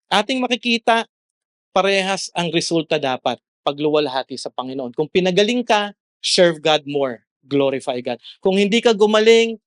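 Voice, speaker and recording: Earnest pastor preaching, dry close sound. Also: male voice, high-pitched, no echo. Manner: earnest, mixes English into his preaching, rises sharply when exhorting. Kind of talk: sermon.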